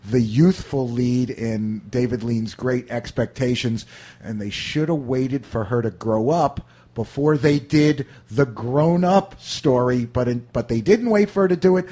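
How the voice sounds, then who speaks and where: Husky wisecracking male radio host. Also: mid-range voice, dark tone. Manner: wisecracking, rambling, profane asides. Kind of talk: casual film chat.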